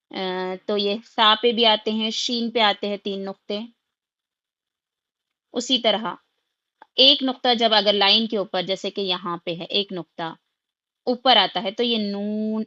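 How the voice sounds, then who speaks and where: A woman teaching letter pronunciation for recitation, stretching each letter slowly and then explaining quickly. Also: medium pitch, sharp tone, no room sound, muffled recording. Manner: slow drawn-out letter sounds with quick explanations.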